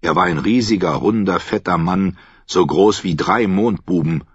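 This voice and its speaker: A man reading a novel aloud as audiobook narrator, telling it with lively storytelling. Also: sits low, normal speed, slightly rough, dry recording. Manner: lively storytelling, voices every character. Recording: dull, dry studio recording.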